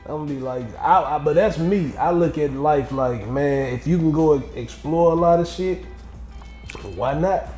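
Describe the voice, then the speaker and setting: A middle-aged man hosting a podcast, talking bluntly with lots of profanity and animated storytelling in casual chat. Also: fairly high pitch, normal speed. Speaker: podcast host. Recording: echoey room with faint music.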